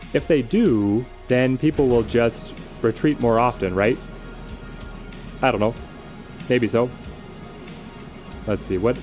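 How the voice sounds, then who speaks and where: Answering viewers' questions during a live game stream, a man with a low, slightly mellow voice talks through his strategy casually. Music plays in the background as he thinks aloud.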